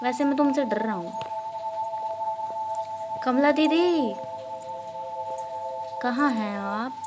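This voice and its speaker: Slow, chatty Indian woman gaming host. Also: high voice, over loud music. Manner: chatty, teasing the ghost, slips into English. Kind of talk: playing a horror game on camera.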